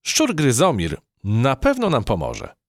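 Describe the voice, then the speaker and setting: Brief: man doing a plucky girl mouse, high and lively, quick to take offence, storybook audio. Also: dry recording, studio quality, full character voice. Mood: curious. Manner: indignant, bold, curious. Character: feisty young female house mouse.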